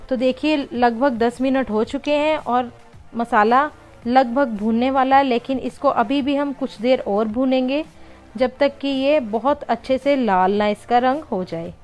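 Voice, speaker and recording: A woman's voice: high voice, measured pace, darkish tone, faint music behind. A woman hosting a home cooking channel, patiently explaining each step of a recipe in a voice-over and often calling her viewers friends.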